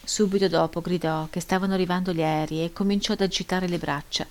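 A woman narrating first-person literary prose as an audiobook reader, with a measured, steady delivery. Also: on the low side.

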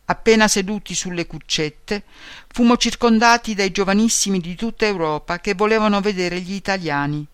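Male book reader, high smooth voice, steady measured delivery. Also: dry recording. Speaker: reader of a memoir. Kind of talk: reading a book aloud.

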